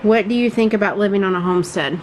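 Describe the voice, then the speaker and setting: Mom briskly quizzing her kids. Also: medium pitch, a little mellow, a little hiss or hum, poor audio. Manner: brisk, prompting questions with short encouraging replies. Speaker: mother and channel host interviewing her children. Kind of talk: casual family question round.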